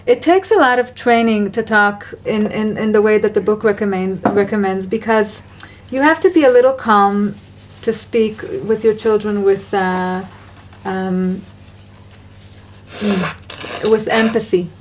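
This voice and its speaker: A woman hosting a casual Q&A conversation, talking about parenting in an earnest, reflective and gently encouraging way. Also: medium pitch, measured pace, slight background noise. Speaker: parenting advice host.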